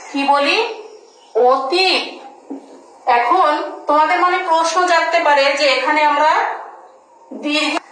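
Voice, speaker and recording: A woman's voice: high-pitched, a bit bright, echoey room, low-quality recording. A woman teacher giving a lesson on pronunciation, patiently asking questions and answering them herself. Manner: patient, asks and answers her own questions. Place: classroom with a board.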